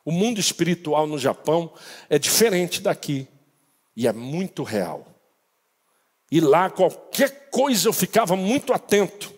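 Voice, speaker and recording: A man preaching a sermon as pastor, telling a story dramatically and rising to shouts at the peaks. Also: a little high, sing-song, measured pace, big-room sound. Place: church.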